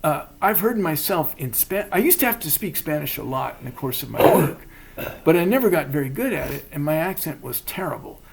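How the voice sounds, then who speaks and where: Thoughtful gravelly man. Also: a little high, big pitch swings, a little hiss or hum, rough recording. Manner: thoughtful, measured, self-deprecating. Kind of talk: casual chat.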